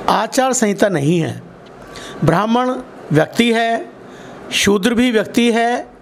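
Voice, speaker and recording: A man being interviewed as a social worker, answering in a slow, deliberate and emphatic way. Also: high-pitched.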